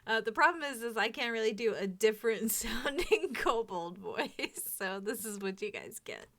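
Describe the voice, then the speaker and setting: A woman narrating as game master of a tabletop game, laughing often and filling pauses with ums. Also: fairly high pitch, animated, a bit bright. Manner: laughs often, many fillers.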